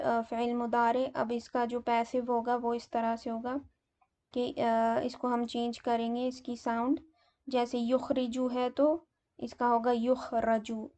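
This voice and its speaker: A woman teacher slowly explaining grammar, pausing often with fillers. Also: fairly high pitch, a little mellow. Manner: slow, hesitant explaining with many fillers. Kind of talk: grammar lesson in Urdu mixed with English terms.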